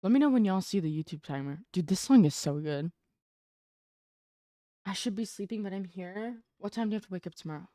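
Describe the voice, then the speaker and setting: A woman's voice: mid-range voice, expressive, brisk, dark tone, dry recording. A young adult woman streaming live, chatting casually with her chat while gaming and greeting viewers by name.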